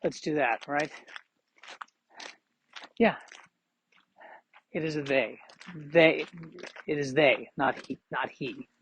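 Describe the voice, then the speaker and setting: A man's voice: a little high, fairly even intonation, slow, pauses often, fairly bright tone, a little hiss or hum, poor audio. A man in his forties hosting a solo podcast, chatting casually in a rambling, self-deprecating way. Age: 40s. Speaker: podcast host.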